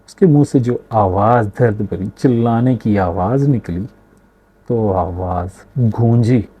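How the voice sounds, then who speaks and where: A man's voice: fairly low pitch, dark tone, breathy edge. A man telling a moral story, speaking directly and unhurriedly to his listeners.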